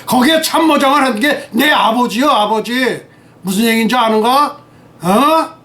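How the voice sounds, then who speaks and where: Man, 80s, high-pitched pastor, teary and sniffling, angry rambling sermon full of insults. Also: fairly bright tone. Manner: angry, scolding, hurls insults, asks listeners if they understand. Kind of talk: rambling sermon and political rant.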